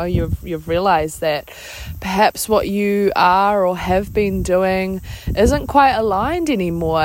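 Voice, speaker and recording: A woman giving casual, encouraging motivational talk as a podcast host, pausing often as she finds her words. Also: mid-range voice. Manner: informal, encouraging, hesitant with pauses. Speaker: podcast host, life coach. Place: outdoors. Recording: outdoors with clear background insect noise.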